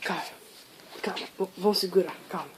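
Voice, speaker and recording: A woman, talking in baby talk to her dog at home with high-pitched cooing that shifts into soft soothing. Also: a little fast, background noise. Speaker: dog owner.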